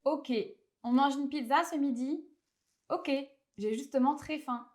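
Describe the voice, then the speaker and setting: A fairly high-voiced woman with a French accent gives a language lesson. She explains things clearly and patiently, and she slows her speech whenever she wants a pronunciation to stand out. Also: darkish tone. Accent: French of France. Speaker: French teacher.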